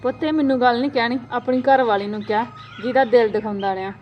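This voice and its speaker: Outspoken aunt, played by a woman, firm and lecturing, rapid delivery. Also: fairly high pitch, fairly even intonation, dull audio, a little hiss or hum, close to an everyday voice. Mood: stern. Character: wise outspoken aunt who lectures the family. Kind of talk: amateur family drama.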